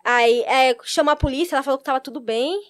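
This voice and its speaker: A woman tells a wild personal story in a casual chat. Her voice sits high and she talks quickly. She acts out the lines of the people she describes. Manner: animated, acts out quoted lines.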